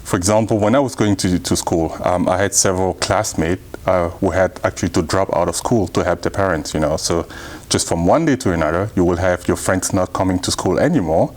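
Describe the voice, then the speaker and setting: Deep-voiced reflective man in his thirties. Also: fairly quick, darkish tone. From Cameroon. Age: 30s. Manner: earnest and reflective, leans on "you know" and "indeed". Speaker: interview guest, politician. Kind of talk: casual interview talk.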